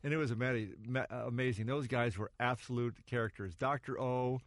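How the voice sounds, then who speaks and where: A middle-aged man co-hosting a golf talk show, recalling anecdotes in a relaxed, rambling way. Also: medium pitch, moderate pace, no room sound. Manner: relaxed anecdotes with fillers and restarts. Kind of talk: casual radio show chat.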